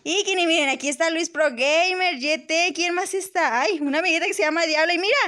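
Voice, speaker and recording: Squeaky, sing-song Mexican woman, very high voice. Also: brisk. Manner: bright, squeaky, sing-song, full of diminutives. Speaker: host of a children's gaming channel. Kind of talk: excited gameplay commentary for small children.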